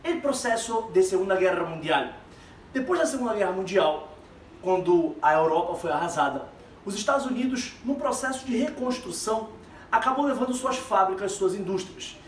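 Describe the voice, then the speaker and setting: A Brazilian man with a high voice teaches Spanish to a class, explaining each term in an animated way and speaking straight to his students. He sits well back from the microphone in a roomy, echoing space, with a faint hiss behind him. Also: normal speed. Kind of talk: classroom lesson mixing Spanish and Portuguese. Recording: echoey room, far from mic, faint background noise.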